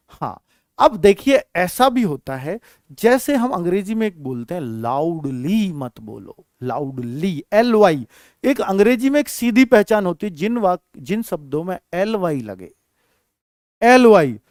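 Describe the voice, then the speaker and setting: Lively high-voiced grammar teacher. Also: male voice, dry recording, studio quality. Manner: addresses students as children, asks checking questions. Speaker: Hindi teacher. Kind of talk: exam-prep grammar lesson.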